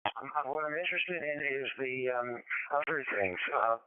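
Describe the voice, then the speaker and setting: A man in a conversational radio exchange, deliberate and hesitant as he thinks aloud over a narrow-band link. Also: medium pitch, no echo. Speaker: radio net participant asking questions. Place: radio transmission.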